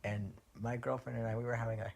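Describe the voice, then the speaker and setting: A man's voice: medium pitch, fairly even intonation, fast talker, vocal fry. A young man with a Californian accent and a nasal voice, chatting casually in a rambling way to his viewers. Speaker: vlogger. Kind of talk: casual chat.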